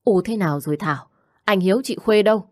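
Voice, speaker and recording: A woman's voice: on the low side, moderate pace, a little mellow, dry recording, clean studio sound, natural voice. A woman voicing a desperate old village man who pleads and cries out in panic for help. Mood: urgent.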